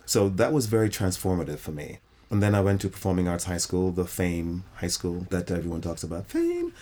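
A middle-aged man from Trinidad who works as an actor and director, telling expressive stories in an interview and repeating words when he gets excited. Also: low voice, fairly quick. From Trinidad, West Indies. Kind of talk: interview conversation.

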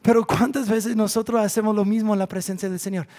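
A man, a pastor preaching a sermon in church, swinging from loud, drawn-out appeals to hushed asides. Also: high voice, fairly even intonation.

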